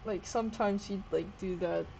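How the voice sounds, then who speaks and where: A woman's voice: medium pitch, normal speed, creaky, mellow. A sleep-deprived woman vlogging in a casual, rambling way, swearing often and jumping from topic to topic. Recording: noisy background hiss.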